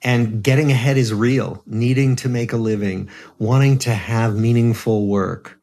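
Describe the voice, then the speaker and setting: Calm older man in his seventies. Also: mid-range voice, unhurried. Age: 70s. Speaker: psychiatrist and researcher, guest. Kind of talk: podcast interview.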